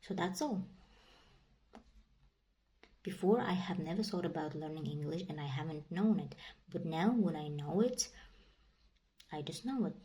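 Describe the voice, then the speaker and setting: Speaking to camera in a casual monologue, this young Kazakh-accented vlogger, native in Kazakh, rambles and repeats herself, peppering her talk with "you know" and "like." She has a deep, warm voice and a measured pace marked by long pauses.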